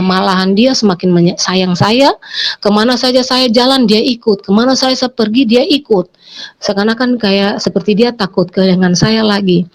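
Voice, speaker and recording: Hesitant middle-aged woman telling her story. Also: on the high side. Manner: hesitant, with many fillers and self-corrections. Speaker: interviewee giving a testimony. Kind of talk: personal testimony retold in conversation.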